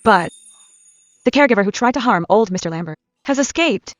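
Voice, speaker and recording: An actress playing a dutiful assistant making reports in a dubbed melodrama. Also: female voice, mid-range voice, animated, a little fast, no echo, clean studio sound, natural voice. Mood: urgent, dutiful. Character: dutiful female assistant reporting to her mistress. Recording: music behind the voice.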